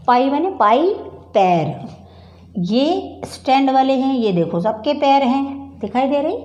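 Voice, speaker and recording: A woman's voice: a little high, warm tone. A middle-aged woman teaching a primary school class at the board, patient and repeating words while asking the class questions. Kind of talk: slow board lesson for children.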